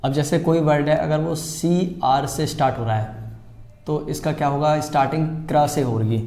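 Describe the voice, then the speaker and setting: A man teaching basic English reading in Hindi, sounding out words slowly, repeating them and asking the viewer how to read them. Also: on the high side, fairly even intonation, mellow, roomy sound. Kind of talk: spoken classroom lesson.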